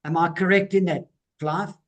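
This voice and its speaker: Guy hosting a chat, pretty high voice, keeps summing up what his guest said. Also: fairly even intonation, normal speed, muffled recording. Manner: summarizing and checking his understanding. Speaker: interview host. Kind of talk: casual interview.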